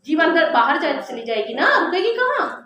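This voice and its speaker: Woman teacher, high voice, classroom lesson, demonstrates sounds slowly, very echoey room. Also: very animated, sharp tone. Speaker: Hindi teacher. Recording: very echoey classroom with faint noise.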